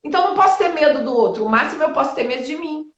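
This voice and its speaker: A high-pitched woman in her fifties talks as a guest on a live stream, blunt and lively, with mild swearing and quick asides. The audio is dull and lo-fi, and her voice echoes in the room. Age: 50s. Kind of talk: live-stream interview, casual talk. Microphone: video call.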